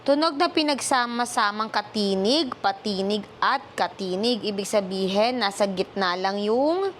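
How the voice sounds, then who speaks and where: Slow, patient Filipino mother teaching reading. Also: mid-range voice. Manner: patient, mixes English into Filipino, prompting questions. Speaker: mother teaching her child to read. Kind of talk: home reading lesson. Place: home. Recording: faint background noise.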